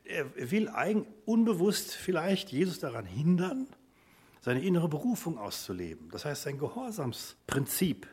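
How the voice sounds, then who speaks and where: A man's voice: mid-range voice, husky. A middle-aged man preaching a sermon, turning emphatic and then letting his phrases fall away to a near whisper. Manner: lively, emphatic delivery that drops to soft, near-whispered phrase endings.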